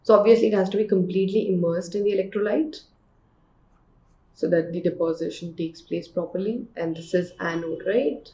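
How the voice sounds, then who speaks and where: A woman with an Indian accent, her voice lowish, mellow and a little fast, teaches an exam revision lesson in chemistry by posing questions and answering them herself. The room is echoey and the sound slightly dull.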